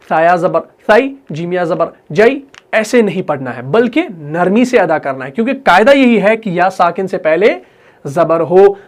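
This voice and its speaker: A man with a Pakistani Urdu accent teaching Quran recitation in an online lesson, patient and repetitive, drawing out his example words slowly. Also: sits high. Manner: patient, repetitive, slow drawn-out demonstrations.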